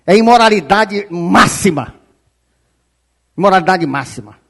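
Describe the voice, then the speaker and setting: A pastor preaching a fiery sermon, shouting and scolding the congregation, often calling them "rapaz". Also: male voice, high voice, animated, a little slow, creaky. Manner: quotes scripture aloud.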